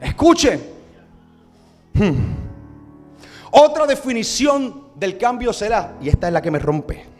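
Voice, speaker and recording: A man's voice: high voice, sing-song, slow, pauses often, faint music behind. A man preaching a sermon as pastor, posing rhetorical questions to his congregation. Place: church.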